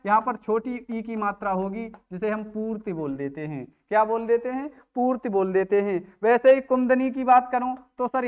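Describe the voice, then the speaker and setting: Very high-pitched man teaching, smooth voice. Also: narrow, tinny audio. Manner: quizzes himself, asks then answers. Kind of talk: spelling lesson.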